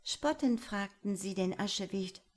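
A woman reading a fairy tale aloud in a calm storytelling manner. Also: medium pitch, measured pace.

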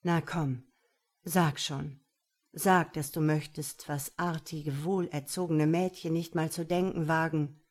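Woman reader putting on a domineering man: low, curt commands, slow and deliberate. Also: animated, darkish tone, breathy edge, heavily acted. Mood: commanding. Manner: low, clipped orders.

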